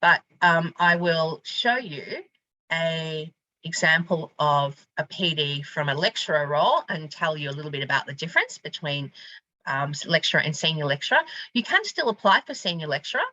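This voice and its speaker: A woman's voice: deep voice, animated, normal speed, pushed and bright, no room sound, dull audio. A woman teaching an online class as a university lecturer, speaking informally with many fillers and restarts. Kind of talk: online class on academic job hunting.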